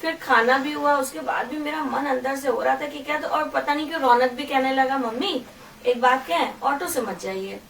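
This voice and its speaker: A woman's voice: high-pitched, moderate pace, vocal fry. A middle-aged woman giving a testimony to a congregation, telling a story and quoting what others said. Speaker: church member giving testimony. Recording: echoey room from far off, noisy.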